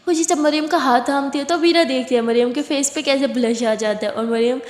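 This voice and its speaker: A woman narrating a romance story in a lively, chatty way. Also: high voice, brisk. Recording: echoey room with long reverb.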